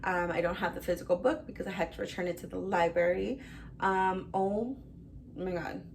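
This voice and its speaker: A woman's voice: fairly low pitch, fairly even intonation, normal speed, creaky, a little hiss or hum. A young woman reviewing books in a casual vlog, chatty and rambling, full of fillers and gushing about what she read. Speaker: book reviewer.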